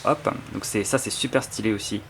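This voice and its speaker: A man's voice: lowish voice, fairly even intonation, a little fast, noisy background. A man with a French accent chatting casually and enthusiastically as he unboxes and leafs through a book, rambling with many fillers and restarts. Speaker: YouTuber presenting his book collection. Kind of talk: casual spontaneous unboxing chat.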